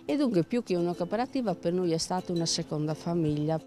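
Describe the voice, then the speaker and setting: Woman giving testimony over clear background music. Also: fairly low pitch, lively intonation, fast, mellow. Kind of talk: documentary testimony. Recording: music playing behind the voice.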